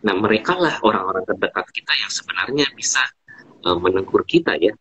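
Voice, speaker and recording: A man's voice: lowish voice, animated, brisk, sharp tone, slight background noise. A man hosting a casual live talk, agreeing often and summing up his guest's points. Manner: frequent short agreeing "iya", sums up the guest's points. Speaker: host.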